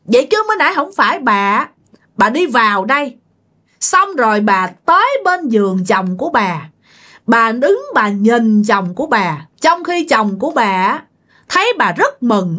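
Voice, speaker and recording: A woman's voice: on the high side, very animated, unhurried, pushed and bright, heavily acted. A woman voicing a wounded male officer who speaks in a blunt, reproachful way. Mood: accusing. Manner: accusing, reproachful.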